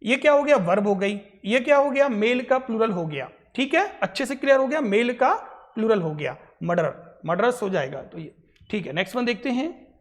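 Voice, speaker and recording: A man's voice: sits high, animated, fairly quick, in a large hall. A male English grammar teacher gives a classroom lecture in Hindi mixed with English. He keeps repeating answers and checking in with short tag questions. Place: coaching classroom.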